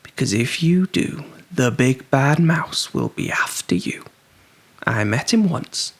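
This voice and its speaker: A reader voicing a big monster father in a storybook, solemn and cautionary, telling things slowly and ominously. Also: mid-range voice, big pitch swings, exaggerated voice.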